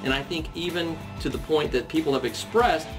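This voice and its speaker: A man's voice: a little high, brisk, far from the mic, over music. A man hosting a panel debate, talking at length and often repeating and restarting his words. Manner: long-winded, stumbles and repeats words. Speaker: host.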